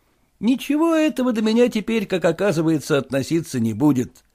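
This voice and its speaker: A man's voice: high-pitched, wildly swooping pitch, a little fast, dark tone, pitched above the performer's own voice. A man voicing a young male suitor who sounds fawning and whiny. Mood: pleading. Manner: pleading, deferential, whiny.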